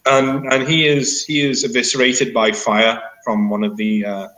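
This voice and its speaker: A man acts as game master in a casual tabletop session. His delivery is halting and wry, with a middling pitch. The recording is roomy and echoing. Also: level tone, a bit bright.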